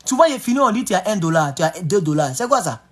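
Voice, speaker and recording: A man giving excitable, emphatic political commentary on a live stream. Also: sits high, rapid-fire, husky.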